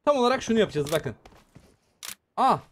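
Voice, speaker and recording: A man giving excited, chatty live commentary on a mobile shooter game, talking straight to his viewers as he plays. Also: high voice, a little fast. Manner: excitable, chatty, talks to viewers while playing. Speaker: gaming YouTuber.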